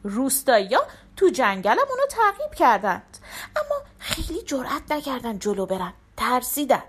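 A woman narrating a folk tale in an expressive, animated storytelling manner. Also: sits high, slightly rough.

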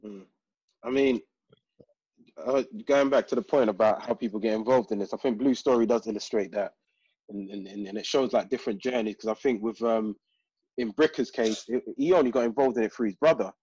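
A man's voice: on the low side, fairly quick, a little mellow, slightly rough, no echo. A man talking hesitantly and conversationally about a film in a casual discussion. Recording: dull, lo-fi, dry sound.

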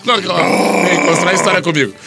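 A man's voice: high-pitched, steady tone, fast talker, creaky, over music. A man, telling a theatrical story in a casual panel chat. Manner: theatrical, swinging voice. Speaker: podcast panelist.

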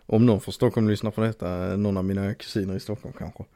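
A man's voice: fairly low pitch, little pitch movement, mellow, no echo, studio quality. A young man from Skåne speaking Swedish with a Skåne accent, co-hosting a podcast in laid-back, swearing casual chat and laughing easily. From Skåne, Sweden. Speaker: podcast co-host.

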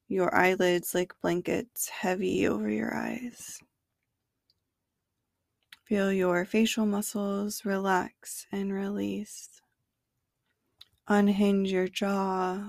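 A woman narrating a guided sleep meditation in a hushed, soothing bedtime manner that at times nears a whisper. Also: medium pitch, vocal fry, no echo, studio quality. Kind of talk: sleep meditation narration, slow body scan.

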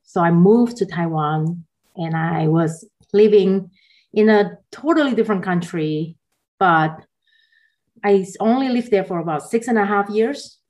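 A woman in her forties from Indonesia, a podcast guest telling her life story in a soft, halting way with small laughs. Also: fairly low pitch. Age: 40s. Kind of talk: personal story in a podcast interview.

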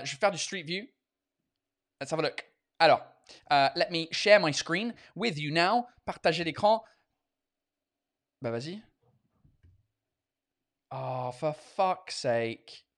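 Swearing bilingual comedian host, man. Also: on the high side. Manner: mixes French and English, swears freely. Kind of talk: casual bilingual live chat.

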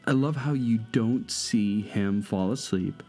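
A man's voice: fairly low pitch, slow pace, warm tone, faint music behind. A man co-hosting a podcast, chatting casually and enthusiastically about movies, rambling and teasing. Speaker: podcast co-host.

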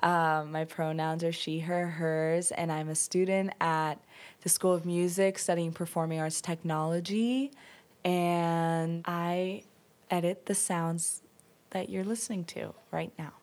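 A young woman in her twenties with a lowish voice introduces herself on a student podcast. She speaks very slowly and deliberately. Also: steady tone, darkish tone. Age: 20s. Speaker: student audio engineer.

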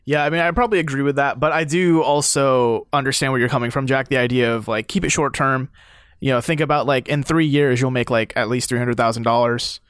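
A man's voice: medium pitch, fairly even intonation, a little fast, a bit bright, clean tone, no room sound, clean studio sound. A man co-hosting a video game podcast, laid-back and agreeable with wry short quips. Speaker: podcast co-host. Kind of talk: casual podcast chat.

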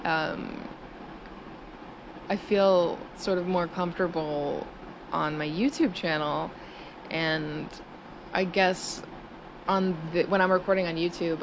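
A woman in her thirties hosting a casual solo podcast, chatty and giggling nervously, recorded in low-quality audio in a small studio on a busy street. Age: 30s. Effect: low-quality audio with street noise. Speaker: podcast host. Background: traffic and air-conditioner hum.

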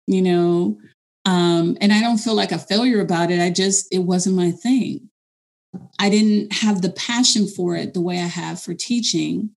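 A woman's voice: medium pitch, gravelly, darkish tone. A woman teacher speaking earnestly and encouragingly in a reflective, conversational way, with fillers and restarts.

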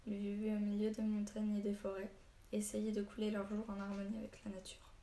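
A woman's voice: medium pitch, monotone, fairly quick, warm tone, close to an everyday voice. A woman reading an audiobook, voicing an old male hermit who is a stern, short-tempered storyteller. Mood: grave. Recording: echoey room, faint hiss.

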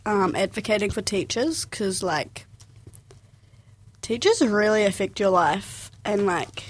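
A young woman with a New Zealand accent, whose first language is Arabic, chats casually about personal things. She rambles and fills her sentences constantly with "like." Her mid-range voice is lively in intonation, unhurried, and slightly breathy.

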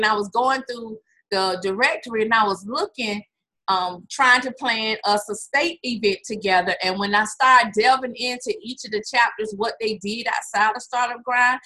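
An American woman hosts an online interview with lively enthusiasm. She leans into her words for emphasis. Her voice is bright, with a clear, forward edge. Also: on the high side, rough recording. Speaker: host.

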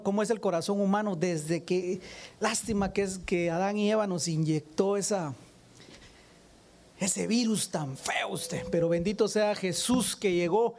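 A man preaching a sermon, animated and questioning his congregation directly. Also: high voice.

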